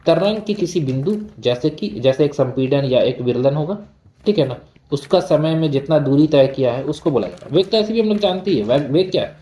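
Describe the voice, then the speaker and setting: Guy teaching from a textbook line by line, reads slow then explains casual, asks questions and answers them, kinda high voice, echoey room. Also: expressive, dark tone.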